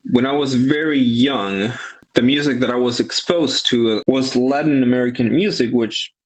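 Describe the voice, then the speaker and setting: A man's voice: mid-range voice, moderate pace, rough recording. A man from Peru, a musician guest telling his story in a thoughtful, rambling way. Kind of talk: casual interview chat.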